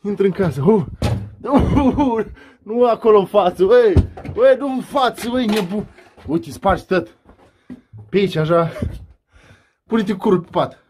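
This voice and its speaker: Lively, high-voiced man barking orders. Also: long pauses, a little hiss or hum. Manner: loud, bossy, laughing. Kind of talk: amateur comedy sketch.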